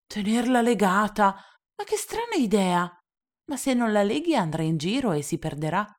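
An earnest little boy from another planet speaks up in a high, wondering voice, as a woman puts him on while reading aloud. His questions come gentle and curious, the way a storybook child asks them. The piped-up voice sits well above the reader's own low register. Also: big pitch swings, moderate pace.

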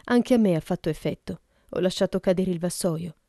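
Woman reading shaken butler, flustered, protesting, dark tone. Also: on the low side, a little fast, gravelly, dry recording, studio quality. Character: shaken older male butler.

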